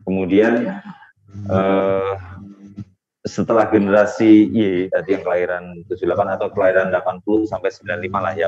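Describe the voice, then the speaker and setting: A man in his forties giving a webinar talk to parents as a lecturer, unhurried and hesitant, with frequent fillers and tag questions. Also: deep voice, muffled recording. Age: 40s.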